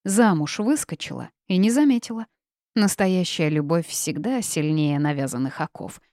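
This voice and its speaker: A woman reading the part of a stern, sharp-tongued old grandmother witch in an audiobook, curt and scolding. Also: lowish voice, expressive, moderate pace, dry recording, clean studio sound.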